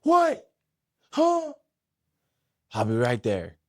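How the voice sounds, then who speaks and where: A man doing an impression of a startled middle-aged dad with loud, clipped, alarmed outbursts. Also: mid-range voice, wildly swooping pitch, very slow, voice pushed up, heavily acted.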